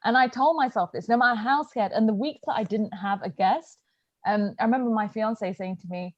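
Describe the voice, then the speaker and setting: A woman's voice: a little high, a little fast, no room sound, highs cut off. A woman hosting a podcast, chatting candidly and telling her own story, sometimes acting out what she said to herself. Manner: candid, storytelling with acted self-quotes. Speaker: podcast host. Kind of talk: casual podcast chat.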